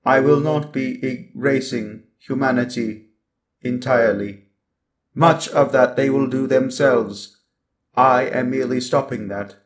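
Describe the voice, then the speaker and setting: At a medium pitch close to his everyday voice, a man plays a coldly superior, menacing robot overlord in a roleplay monologue. He sounds calm and superior, delivering lines deliberately while stuttering glitches break up his words.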